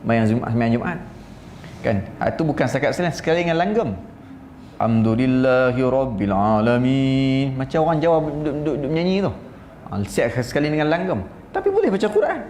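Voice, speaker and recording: A man with a northern Peninsular Malaysian Malay accent giving a religious lecture, telling stories in an animated way. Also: a little high, fast talker, a little hiss or hum. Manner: animated storytelling, mimics recitation styles. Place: seminar room. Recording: roomy seminar room, faint ambience.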